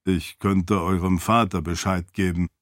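A man's voice: sits low, steady tone, a little slow, no room sound, clean studio sound. A man voicing a dutiful floating light-spirit servant in an audiobook, stiff, formal and deferential. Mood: firm. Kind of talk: audiobook character voice.

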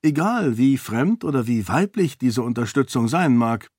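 A man's voice: mid-range voice, animated, normal speed, a little mellow, breathy edge, no echo, studio quality. A man voicing a bold young princess who talks in a pointed, self-assured way. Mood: assertive. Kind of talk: audiobook character voice.

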